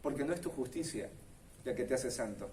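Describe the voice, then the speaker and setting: A man's voice: mid-range voice, expressive, a little fast, warm tone, reverberant, distant mic, a little hiss or hum. A man with a Rioplatense Spanish accent preaching a sermon as pastor, earnestly putting questions straight to his listeners. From Argentina.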